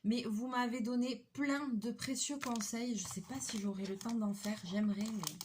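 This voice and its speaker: A woman's voice: fairly high pitch, fairly even intonation, moderate pace, background noise. Chatty middle-aged French woman vlogging crafts. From Basque Country, France. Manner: chatty, rambling, self-mocking, many fillers. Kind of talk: casual chat while unboxing a craft kit.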